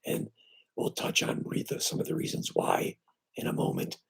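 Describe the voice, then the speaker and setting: Using a computer microphone, a man streams casually from home with a voice that's weak, raspy, and breathy, leaving him hoarse and short of breath. His talk is halting, crowded with fillers and restarts, and becomes lively each time he welcomes viewers.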